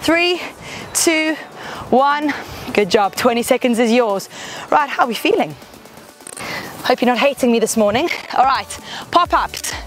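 High-pitched lady fitness coach, peppy, counting reps and a bit breathless, faint music behind. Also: expressive, a little slow, pauses often. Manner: upbeat, encouraging, counting down reps. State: slightly out of breath while exercising. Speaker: fitness instructor. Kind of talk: guided workout instruction. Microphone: headset or clip-on mic close to mouth.

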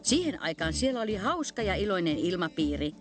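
A woman narrating a cartoon story in an expressive storybook manner. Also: on the low side. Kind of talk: scripted narration. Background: faint music.

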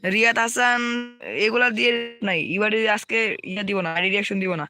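A man's voice: sits high, normal speed, sharp tone. A young man with a Bangladeshi Bengali accent, hosting a live gaming stream, reading out viewer names and repeating team codes.

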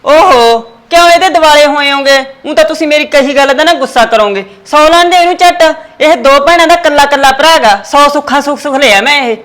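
A woman's voice: high-pitched, brisk, hardly any pauses, fairly bright tone. A woman playing a protective, worried village mother with a Punjabi accent. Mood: fretting. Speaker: mother of the son. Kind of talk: village drama acting.

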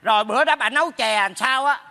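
An actor playing a blunt, meddling neighbor friend in a stage comedy sketch, teasing and scolding fast. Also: male voice, very high-pitched, gravelly, sharp tone, long reverb tail, exaggerated voice. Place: theater stage.

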